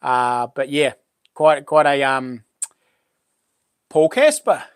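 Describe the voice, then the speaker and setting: A man's voice: medium pitch, lively intonation, takes it slowly, smooth, dry recording, studio quality. A man with a broad New Zealand accent chatting casually and informally as a livestream host, full of matey slang. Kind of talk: casual live chat with viewers.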